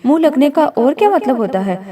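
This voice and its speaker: A woman's voice: sits high, expressive, brisk, crowd noise, voice pushed up. A woman voicing a teasing, caring young woman. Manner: teasing, affectionate.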